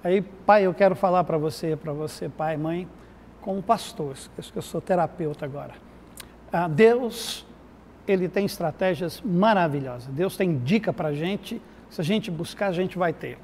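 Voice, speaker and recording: A middle-aged man, a pastor and therapist, telling a lively anecdote full of quoted dialogue in a TV studio interview. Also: high voice, moderate pace. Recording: reverberant studio with faint noise.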